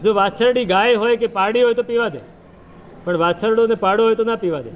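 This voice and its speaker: A man's voice: high voice, brisk, a little hiss or hum. A man preaching a sermon, retelling a scripture story with rhetorical questions and chanted verses.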